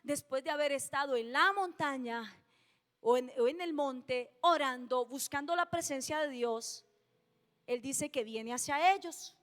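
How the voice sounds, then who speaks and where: High-voiced woman preaching. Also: measured pace, fairly bright tone. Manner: emphatic, repeats key phrases, asks the congregation questions. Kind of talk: sermon. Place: church hall. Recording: long church-hall reverb.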